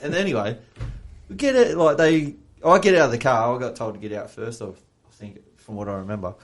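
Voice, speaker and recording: A man's voice: medium pitch, lively intonation, fairly quick. Laid-back Australian man telling a story. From Wollongong, Australia. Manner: rambling, swears freely, laughs mid-story. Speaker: podcast co-host. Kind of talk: casual storytelling.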